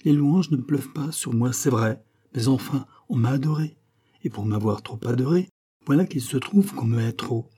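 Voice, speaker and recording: An indignant queen with a cutting tongue, proud and bitter, as a male reader puts her on in an audiobook. Her voice is dark and husky, lifted a little above his own. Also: mid-range voice, normal speed, natural voice. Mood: wounded pride. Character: proud, bitter queen, middle-aged woman.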